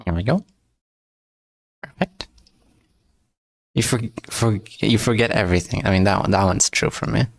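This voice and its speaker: A gravelly, lowish voice at a moderate pace leaves long pauses while a man chats with his stream audience in non-native English. He stumbles, repeats himself, and answers the chat with self-mocking humor, recorded in echo-free studio quality.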